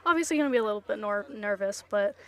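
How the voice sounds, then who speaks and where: A woman's voice: medium pitch, lively intonation, fast talker. A young adult woman, a college team captain, answering interview questions in short, upbeat sentences.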